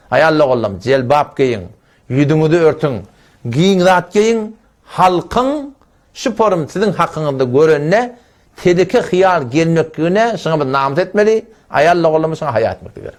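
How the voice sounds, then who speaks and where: A man preaches in a live religious lecture with a high-pitched, strongly swinging voice. He exhorts his audience emphatically and hammers points home by repeating phrases. He works quoted Arabic scripture into his talk. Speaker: Islamic preacher.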